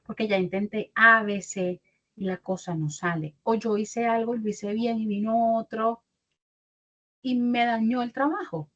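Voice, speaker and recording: A woman's voice: on the high side, measured pace. A young adult woman, giving an online mentoring talk as a career mentor and acting out little dialogues. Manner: animated, acts out little dialogues. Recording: dull lo-fi audio.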